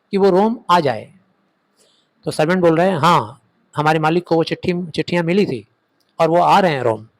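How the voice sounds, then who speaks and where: Indian teacher explaining a play. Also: male voice, a little high. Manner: reads English lines slowly, explains in Hindi.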